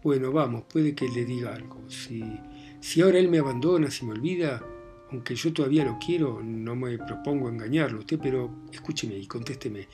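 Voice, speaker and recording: A man's voice: mid-range voice, over music, natural voice. A man reading a tearful young heroine. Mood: pleading. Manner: pleading, tearful, halting. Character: emotional young woman torn in love. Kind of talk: audiobook reading.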